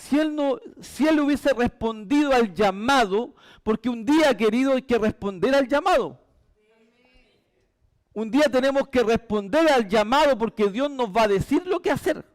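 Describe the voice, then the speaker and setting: A man's voice: very high-pitched, animated, moderate pace. A male pastor preaching a sermon in a church, emphatic and repetitive.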